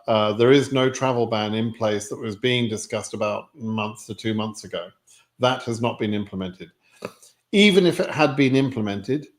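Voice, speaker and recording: A British man in his sixties answers viewers on a live stream. His voice sits at an ordinary middle pitch. He talks frankly and loosely, with plenty of ums and false starts. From United Kingdom. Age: 60s. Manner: rambling, frequent ums and restarts, frank and plainspoken. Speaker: immigration lottery advisor hosting a live stream.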